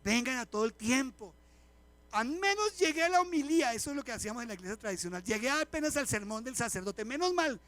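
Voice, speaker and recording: High-voiced pastor, animated. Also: male voice, fast. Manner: animated and chatty, with humorous stories and direct questions to the congregation. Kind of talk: live church sermon. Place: church service before a congregation.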